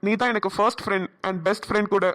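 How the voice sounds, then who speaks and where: A woman's voice: medium pitch, fairly even intonation, racing, a bit bright, close to an everyday voice. A woman voicing a caring young man in a cartoon drama, speaking in a soothing, coaxing, earnest way. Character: caring young man Karthik, gentle supportive friend.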